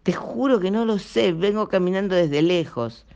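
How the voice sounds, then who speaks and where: A man's voice: high voice, expressive, normal speed, vocal fry, darkish tone, smooth, muffled recording, voice pushed up. A storyteller voicing a confused young man who pleads nervously. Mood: pleading.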